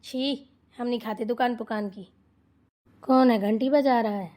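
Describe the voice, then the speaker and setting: A woman voicing a loud, nagging older mother-in-law in a cartoon, scolding and complaining. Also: fairly high pitch, steady tone, measured pace, natural voice. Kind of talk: cartoon voice acting.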